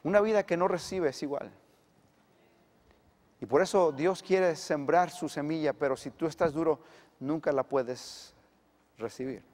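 Male pastor, middle-aged, emphatic sermon, fairly high voice. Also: unhurried, long pauses, in a large hall. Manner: emphatic preaching, swings between loud and hushed.

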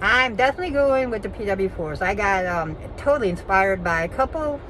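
A woman's voice: medium pitch, expressive, brisk, fairly bright tone, poor audio. Woman in her 50s, speaking through a face mask, rambling vlog chat, phone mic outdoors with faint traffic. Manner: chatty, rambling, frank. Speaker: vlogger. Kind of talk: casual vlog update.

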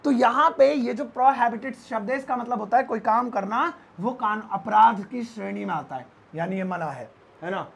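A man teaching English phrases in Hindi, chatty and joking, slowing down to drill each phrase. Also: sits high, gravelly, fairly bright tone, slightly rough. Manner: jokey, chatty asides, drills phrases slowly. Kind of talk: Hindi-language English lesson.

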